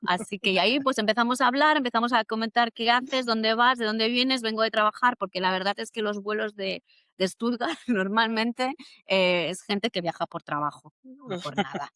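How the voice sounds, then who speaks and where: A woman from hosting a podcast interview, chatty and animated as she tells stories. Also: on the high side, moderate pace, no room sound, studio quality. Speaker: podcast host. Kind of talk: casual interview.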